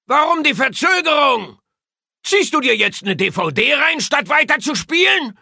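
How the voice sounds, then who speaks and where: A man playing an excitable, scheming fantasy game character in a hammy, mock-dramatic way. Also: extremely high pitch, moderate pace, gravelly, no echo, studio quality, heavily acted. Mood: excited, impatient. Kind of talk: comic video game character acting.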